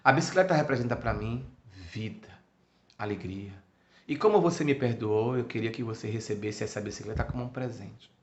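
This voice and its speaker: A man voicing a frail, gravely ill young boy who speaks softly and earnestly in a spiritist talk. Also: mid-range voice, fairly quick, close to an everyday voice. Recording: echoey room, muffled sound.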